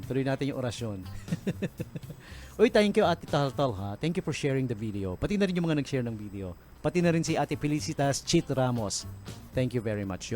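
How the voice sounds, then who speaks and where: Filipino dj guy chatting on night radio, bouncy lively voice, keeps laughing, switches to english. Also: mid-range voice. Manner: laughs often, mixes Tagalog and English. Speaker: radio DJ host. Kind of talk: casual late-night radio chat. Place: radio studio.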